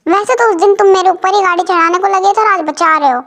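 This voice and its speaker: A woman's voice: extremely high pitch, fast, a bit bright. A woman voicing a feisty young female waiter who talks back sharply and defiantly.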